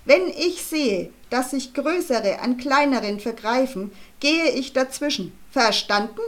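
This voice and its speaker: A woman voicing a loud, bossy male school headmaster who barks commands in a booming voice, in a storybook reading. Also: expressive, unhurried. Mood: bellowing.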